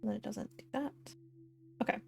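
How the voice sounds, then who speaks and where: A woman's voice: brisk, noisy background. Giggly young woman streamer chatting. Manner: chatty, giggly, addresses chat directly. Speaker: game streamer. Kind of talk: casual livestream chat. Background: faint game music.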